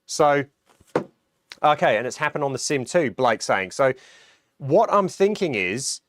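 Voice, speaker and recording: A man's voice: medium pitch, sing-song, measured pace, a bit bright, a little hiss or hum. A middle-aged Australian man hosting a casual livestream, a little nasal from a cold, chatting and reading out viewer comments with plenty of ums and restarts. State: recovering from a cold, a bit nasal. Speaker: livestream host.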